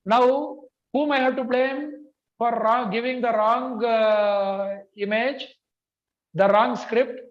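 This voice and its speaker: A high-voiced man in his teaches an interactive online lesson. He goes step by step, repeating points and putting questions to his listeners. The audio is dull and lo-fi. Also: steady tone, slow pace. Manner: repetitive, questioning, checks for agreement. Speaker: computer typing instructor.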